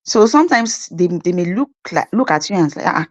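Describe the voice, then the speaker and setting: A woman's voice: on the low side, brisk. A woman with a Nigerian accent, a nurse telling her story in an interview, acting out the exchanges she describes. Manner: animated storytelling, acts out quoted exchanges. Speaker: guest nurse. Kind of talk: conversational interview.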